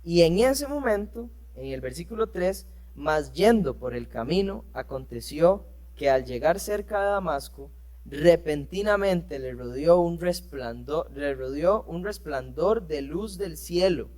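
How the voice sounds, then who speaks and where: A man's voice: fairly high pitch, expressive, measured pace, a little mellow. A man teaching a church lesson, reading scripture aloud and explaining it with rhetorical questions and frequent fillers. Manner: frequent fillers and self-corrections. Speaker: preacher.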